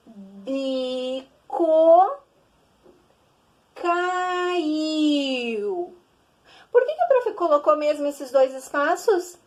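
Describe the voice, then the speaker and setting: A young woman teacher with a Brazilian accent, giving an early-grade reading lesson in slow, sing-song talk that stretches out syllables. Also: sits high, a little mellow. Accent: Brazilian Portuguese.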